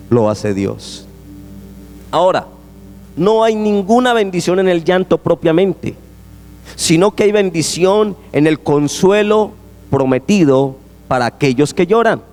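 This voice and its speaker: A man preaching a sermon as a pastor, emphatic and repetitive, his voice swinging high and low. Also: a little mellow. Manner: emphatic, repetitive preaching, rising and falling sharply. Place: church sanctuary. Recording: echoey church hall.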